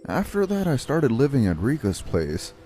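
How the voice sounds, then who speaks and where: Soft background music plays as a man performs anime-style narration and dialogue for a manga dub, playing a worn-out, courteous young office worker prone to getting flustered. He speaks at medium pitch and normal speed, sounding earnest, tired and expressive.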